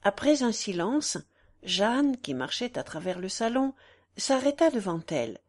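A woman narrating a classic novel as an audiobook, in a measured, even reading. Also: mid-range voice.

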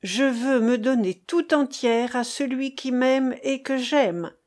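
A woman's voice: fairly high pitch, animated, measured pace, a little mellow. Woman reading as a fiery young lover. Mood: passionate. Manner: impassioned, pleading. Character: passionate young woman in love, defiant. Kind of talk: audiobook character reading.

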